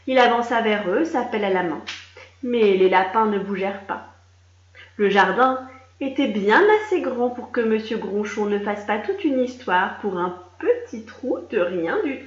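A woman reading a children's story aloud, expressive and speaking directly to a young listener. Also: mid-range voice. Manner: slow, expressive, addressing a child. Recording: roomy, slightly dull recording.

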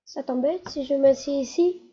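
A woman voicing a young boy in a children's storybook reading, with a childlike, lively manner. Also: high-pitched, normal speed, lightly acted. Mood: timid. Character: young boy Fanfan, shy then excitable. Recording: slightly dull lo-fi with faint noise.

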